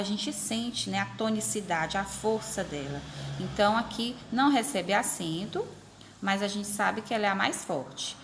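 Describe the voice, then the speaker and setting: A woman's voice: medium pitch, fairly bright tone. Patient woman teacher, faint noise. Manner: patient, repeats examples slowly, stretches syllables. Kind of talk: recorded remote class explanation.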